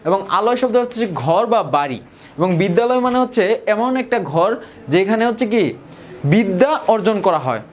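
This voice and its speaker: A young man from Bangladesh, teaching a grammar lesson and often repeating key points and slowing down on example words. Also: sits high, animated. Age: young adult. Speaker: tutor.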